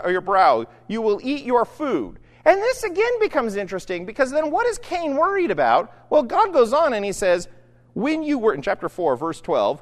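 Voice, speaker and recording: A preacher delivering a sermon, asking rhetorical questions and pressing each point home with emphasis. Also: mid-range voice. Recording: long reverb, echoey hall.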